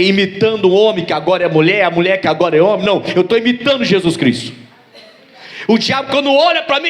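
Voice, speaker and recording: A man, a pastor preaching a sermon, telling stories and asking his congregation rhetorical questions. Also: high-pitched. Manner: storytelling with acted voices and rhetorical questions.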